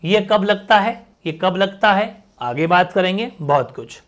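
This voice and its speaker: A man's voice: sits high, lively intonation, a little slow, fairly bright tone, highs cut off. A man teaching an exam-prep grammar lesson, emphatic and repeating key words.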